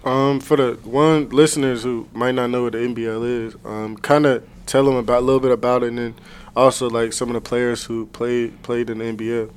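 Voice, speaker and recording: A young man co-hosts a laid-back sports interview, his voice at a middle pitch. He rambles easily, leaning on fillers as he builds up his questions. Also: little pitch movement, fairly quick, clear, resonant tone. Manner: easygoing, rambling with many fillers. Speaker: podcast co-host. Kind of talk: casual interview.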